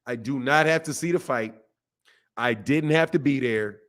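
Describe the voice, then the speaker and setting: This man runs a casual boxing livestream, and his mid-range voice, hoarse from yelling, moves at a moderate pace as he talks to his chat. He presses his points emphatically, repeats them, and often says bro or man.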